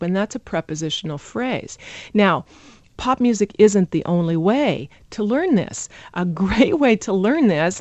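A woman's voice: mid-range voice, a little mellow, dry recording. A woman who teaches English pronunciation, explaining in a radio interview and sounding out rhythms with nonsense syllables.

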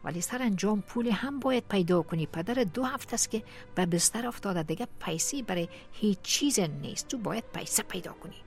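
A woman's voice: mid-range voice, expressive, darkish tone, faint music behind, lightly acted. A woman voicing a worried, tired mother who speaks pleadingly. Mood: weary.

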